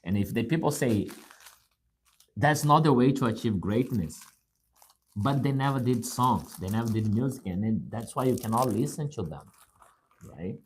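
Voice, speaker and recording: This Brazilian man speaks English with a Brazilian Portuguese accent, delivering an earnest motivational talk over a live stream. His medium-pitched voice is expressive and moves at a moderate pace with long pauses. He often repeats himself, restarts and asks "right?", and the low-quality recording carries a faint hiss or hum.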